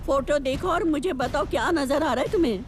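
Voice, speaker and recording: A woman's voice: high voice, brisk, music in the background, lightly acted. An actress playing an older village aunt and mother who speaks assertively.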